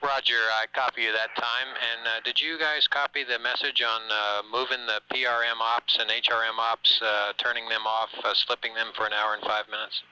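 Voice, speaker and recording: A man's voice: medium pitch, little pitch movement, moderate pace, hardly any pauses, pushed and bright, slight background noise, poor audio. A man speaking as a mission control communicator over radio, using clipped, procedural phrasing. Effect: radio transmission.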